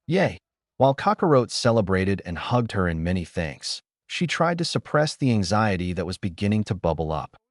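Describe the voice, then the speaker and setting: Guy reading a fanfic aloud, low voice, really animated delivery. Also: fairly quick, few pauses, no room sound, clean studio sound. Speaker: narrator. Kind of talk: storybook narration.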